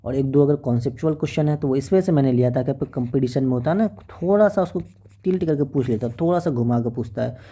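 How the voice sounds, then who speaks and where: A man's voice: mid-range voice, fast, mellow, breathy edge. A man teaching an exam-prep lesson, working through questions in a chatty, coaxing way and often checking with the class.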